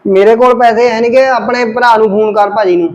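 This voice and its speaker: A man playing a high-voiced bullying husband. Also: fairly even intonation, fairly quick, lo-fi sound, lightly acted. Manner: bossy, threatening commands. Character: bullying husband who threatens his wife. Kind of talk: amateur family drama acting.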